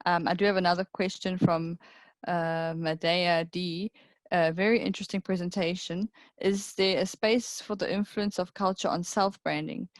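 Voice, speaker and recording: A woman moderating a webinar, reading out audience questions in a brisk, matter-of-fact way over a video call. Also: fairly low pitch, fairly even intonation, no echo.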